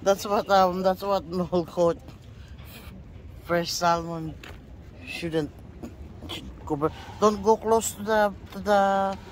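A woman's voice: mid-range voice, fairly even intonation, a little hiss or hum. A woman filming a fishing trip on a seaside pier with a phone, narrating casually and laughing often. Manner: chatty, laughs often, slow and simple phrasing. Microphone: handheld phone camera.

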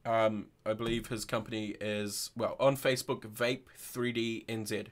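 Low-voiced young New man chatting. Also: little pitch movement, normal speed. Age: young adult. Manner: informal, sweary. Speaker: host. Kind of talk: casual livestream chat. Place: indoor room, livestream video call.

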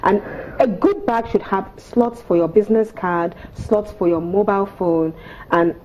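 A woman's voice: mid-range voice, a little slow, a little mellow, dull audio. A Nigerian-accented woman in her thirties explaining things as an etiquette coach on TV, with prim, precise, instructive enunciation. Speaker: etiquette coach, studio guest. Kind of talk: explanatory talk on a TV morning show. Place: TV studio on a sofa set.

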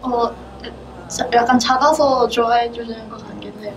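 A woman in her twenties chatting casually and politely as an interview guest, quick to giggle. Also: fairly high pitch, steady tone. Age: 20s. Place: indoor rehearsal room with drum kit. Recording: distant mic, music behind.

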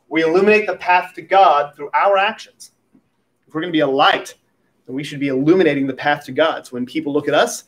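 A man's voice: on the high side, poor audio. A man preaching a sermon at a pulpit microphone as pastor, talking in a conversational way with light humorous asides.

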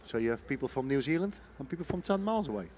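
A man's voice: medium pitch, expressive, racing, darkish tone. A man giving chatty live commentary on darts as one of two commentators. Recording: faint venue noise behind.

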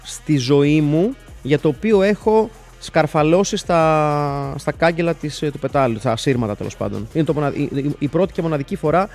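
A man's voice: a little high, faint music behind. Man rambling through anecdotes. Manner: rambling, with frequent self-corrections and restarts; grows loud and animated when excited. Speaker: interview guest, football fan. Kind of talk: casual anecdotal storytelling. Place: seated in an armchair in a studio.

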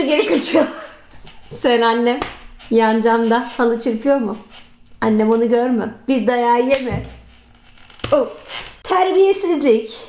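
A woman's voice: on the high side, a little mellow. A woman telling funny childhood stories in a casual vlog, chatty and crude, laughing often. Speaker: vlogger. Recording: roomy echo.

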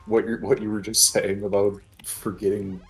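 A man chatting casually with a friend while playing a game, relaxed and a bit hesitant. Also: on the low side, moderate pace, soft background music. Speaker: co-player.

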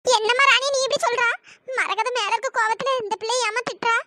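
A performer voicing a gentle, remorseful old grandmother in a cartoon, speaking softly and tearfully. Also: extremely high pitch, steady tone, quick pace, slight background noise. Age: older. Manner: soft-spoken, tearful.

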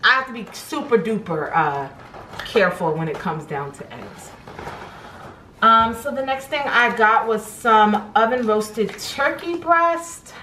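A woman's voice: fairly high pitch, animated, a little slow, sharp tone. Young woman rambling on camera in her kitchen, lots of ums and likes, echoey room, faint hum. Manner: chatty, rambling, many fillers. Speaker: vlogger. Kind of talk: casual grocery haul chat. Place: home kitchen, indoors. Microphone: camera on table in front.

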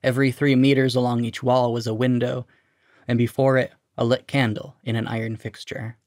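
A man narrating a short story in a steady, even storytelling delivery. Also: medium pitch, a little fast, dry recording, studio quality.

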